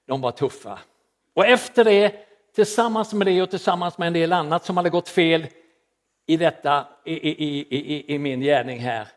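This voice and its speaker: A middle-aged pastor preaches a sermon and tells a story, his delivery swinging between dramatic rises and soft drops. His voice sits a little high.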